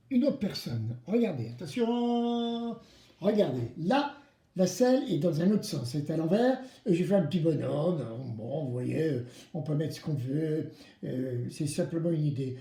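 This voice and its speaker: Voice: medium pitch, expressive, normal speed, warm tone. A person presenting a craft tutorial for children, speaking French directly to the kids in a playful, theatrical way and prompting them to respond. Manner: playful, theatrical, exclamatory, asks the children to answer. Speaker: presenter of a children's DIY video series. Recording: roomy, echoing indoor sound.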